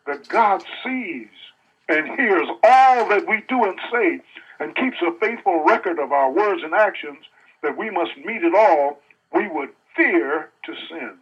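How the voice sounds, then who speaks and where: A man preaching a sermon with a husky voice, dropping to low quiet asides and rising high on emphatic lines, and reading scripture aloud. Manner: reads scripture passages aloud. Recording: dull lo-fi recording.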